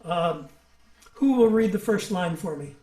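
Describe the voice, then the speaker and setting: A man leading a songwriting workshop over a video call, brisk and coaxing, with some hesitant fillers. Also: high voice, expressive, dark tone, echoey room.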